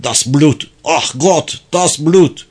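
A man's voice: a little high, drawn-out words, darkish tone, husky, pitched above the performer's own voice, exaggerated voice. A man voicing a young dying German soldier who cries out in sobbing anguish.

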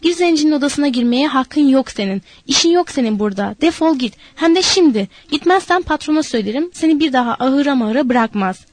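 A bitter, proud older stable hand, as a woman acts him out, sharp and indignant with a guarded edge. The voice sits a little high and is dry and close. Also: a little fast, hardly any pauses, dry recording. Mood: angry. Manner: sharp and indignant, then flat and resigned.

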